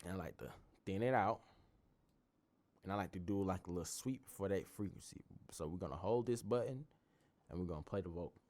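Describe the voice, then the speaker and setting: Speaking a little fast, a young tutorial host with a deep, bassy voice walks through a relaxed screen recording. His talk feels unscripted and meandering, with phrases looped back and restarted while he figures things out.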